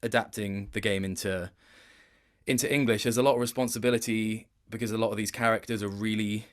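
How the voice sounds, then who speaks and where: A Welsh voice actor appears as an interview guest, chatting informally and conversationally. His voice is fairly low, steady in tone, and brisk.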